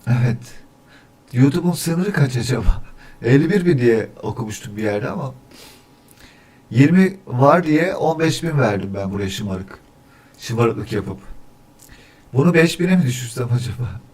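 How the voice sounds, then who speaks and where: A man's voice: mid-range voice, lively intonation, measured pace, long pauses, a little mellow. Male streamer, casual and chatty; counts weekdays for mic checks and gets irritated with his setup. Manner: easily annoyed, grumbling about echo. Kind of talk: casual livestream chat.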